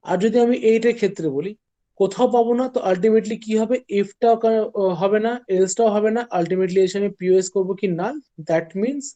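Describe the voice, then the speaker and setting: A man lecturing a class, stepping slowly through an algorithm and checking that the students follow. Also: high voice, mellow.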